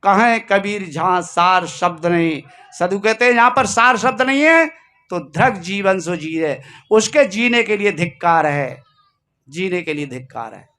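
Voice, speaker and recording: A man's voice: sits high, animated, moderate pace, sharp tone. A man giving a Hindi sermon as a spiritual teacher, telling stories and repeating key lines for emphasis.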